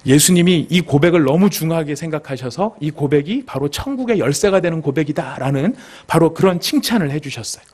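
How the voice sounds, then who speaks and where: A male pastor preaching a sermon in a church, telling the story in an animated way and acting out the quotes. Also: fairly high pitch, a little fast, hardly any pauses, slightly rough. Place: church sanctuary.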